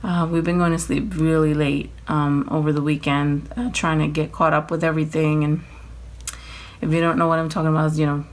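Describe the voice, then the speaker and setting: A tired woman chatting casually through a nail-kit unboxing at home, rambling, apologizing and filling pauses with ums. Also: sits low, little pitch movement. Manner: rambling, apologetic, many fillers, laughs often. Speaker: nail vlogger.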